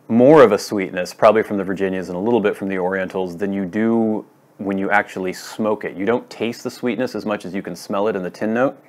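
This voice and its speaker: A man with a deep-set, low voice talks casually to camera as a reviewer. His delivery is measured and deliberate, often breaking into short, itemised phrases. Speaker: pipe tobacco reviewer. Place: wood-floored room at home, indoors.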